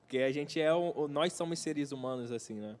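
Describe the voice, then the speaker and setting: A man's voice: a little high, fairly quick, a little mellow, a little hiss or hum. A man hosting a casual church chat, talking hesitantly with many fillers. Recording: long hall reverb.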